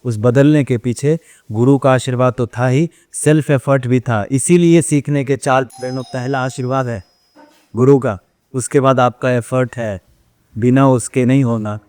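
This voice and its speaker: A man's voice: medium pitch, fairly even intonation, normal speed, darkish tone, dry recording. Man telling stories in a dry, close sound. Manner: storytelling, acts out quoted questions and replies; mixes English phrases into speech. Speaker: interview guest, runs an ashram cow shelter. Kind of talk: casual interview conversation.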